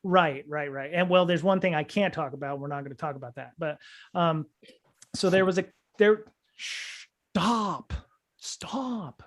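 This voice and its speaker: A man with a fairly high voice hosts a casual security podcast chat. He rambles, circling back with fillers and restarts as he goes. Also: brisk. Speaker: podcast host.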